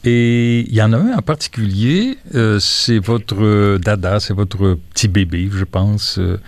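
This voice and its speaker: A man, asking conversational interview questions in halting, drawn-out phrases as a radio host. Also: on the low side, no room sound.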